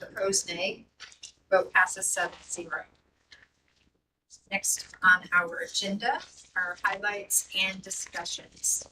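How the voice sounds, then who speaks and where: A woman presiding over a school board meeting, calling motions and votes in a brisk, procedural way. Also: mid-range voice, level tone. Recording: distant mic with faint noise.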